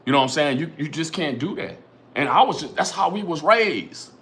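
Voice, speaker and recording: A man's voice: fairly high pitch, brisk. A middle-aged man hosting a casual livestream, talking animatedly and profanely, reading viewers' comments aloud and repeating phrases like "you know what I'm saying.". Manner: animated, profane, rhetorical, keeps addressing chat viewers by name. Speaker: livestream host reading chat.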